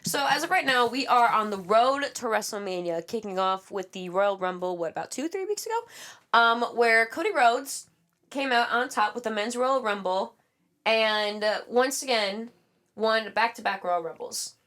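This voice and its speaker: An outspoken young woman co-hosting a casual podcast chat. Her voice sits a little high, and she talks in an animated, blunt way, cursing freely. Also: moderate pace. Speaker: podcast co-host.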